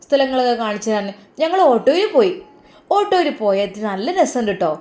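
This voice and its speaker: A woman's voice: fairly high pitch, big pitch swings, fairly quick, a little mellow. A woman voicing a young girl who misses her absent mother, speaking with a Malappuram accent in a tearful, pleading way. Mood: eager. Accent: Malappuram Malayalam.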